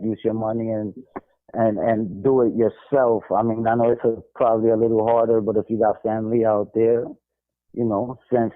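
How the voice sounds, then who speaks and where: A man co-hosting a radio show, giving advice in halting casual chat with repeated words. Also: lowish voice, narrow, tinny audio.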